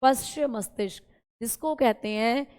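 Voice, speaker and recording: A woman's voice: a little high, a little slow, a little mellow, clean tone. A woman teaching an online class, repeating key terms and talking directly to her students. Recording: long hall reverb.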